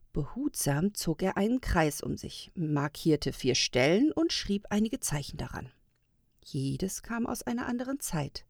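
A woman narrating a fairy tale in a calm, measured reading. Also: lowish voice, no echo, studio quality. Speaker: storyteller. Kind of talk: storybook narration.

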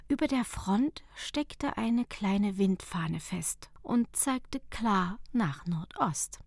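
A woman reading a storybook tale aloud in a soft, calm, unvoiced whisper. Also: mid-range voice, no echo, clean studio sound. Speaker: narrator.

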